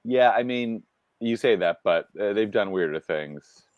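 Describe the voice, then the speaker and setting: A man with a deep, low voice talks in a loose, rambling way, full of fillers and restarts. The sound is dry and close, with no room around it. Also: animated, unhurried, no echo, muffled recording. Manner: rambling, heavy use of "like" and fillers. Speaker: wrestling show co-host. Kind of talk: casual chat.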